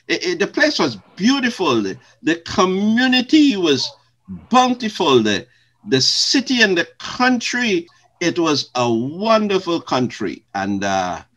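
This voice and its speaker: An older man from Guyana, a retired pastor, answering interview questions in slow, measured, formal phrasing. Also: fairly high pitch, a bit bright.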